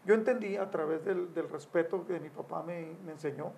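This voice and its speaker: Gravelly older man telling family stories. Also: on the high side, a little fast, darkish tone. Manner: storytelling, acts out quotes with raised voice. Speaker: family counselor guest.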